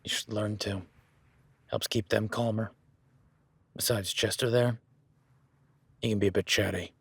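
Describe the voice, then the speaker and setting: A man's fairly low, steady voice comes a little slow, slightly rough with vocal fry, in a dry, heavily acted recording. He plays a rugged, easygoing rancher who teasingly sizes up a new ranch hand in a first-person roleplay aimed at the listener. His manner is laid-back, and he murmurs to his horse.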